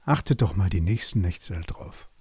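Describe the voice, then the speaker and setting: A man narrating a bedtime story calmly and gently. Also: deep voice, normal speed, husky, no room sound.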